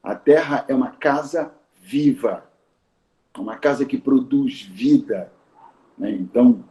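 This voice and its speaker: A man with a Brazilian Portuguese accent, a Yoruba culture teacher and Awo Olorixá, gives a conversational lecture in a warm, medium-pitched voice. He explains slowly, repeating key words and spelling them out, and often adds "né?". The recording is dull and roomy.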